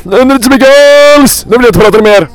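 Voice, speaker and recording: A man's voice: sits high, faint music behind. En man som kommenterar ett spel live, andfådd och full av utrop. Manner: breathless, keeps saying "oj" and "nu". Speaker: game commentator. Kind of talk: excited play-by-play game commentary.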